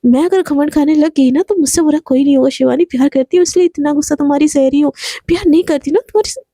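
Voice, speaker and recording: A woman's voice: high-pitched, fast, dry recording, clean studio sound. A woman voicing a jealous, bossy young woman. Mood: angry. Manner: sharp scolding, possessive.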